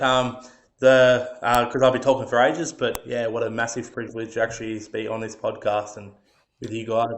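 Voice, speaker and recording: A man's voice: medium pitch, dull audio, slight background noise. An Australian man in his late twenties, a podcast guest telling his life story earnestly, with many hesitant ums. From Tasmania, Australia. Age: late 20s. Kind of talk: personal storytelling.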